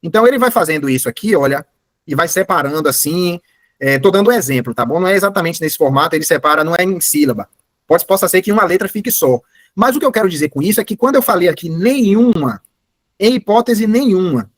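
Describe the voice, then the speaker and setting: A man's voice: high-pitched, dry recording. A man giving a live online class, explaining step by step and often correcting himself mid-sentence. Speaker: course instructor.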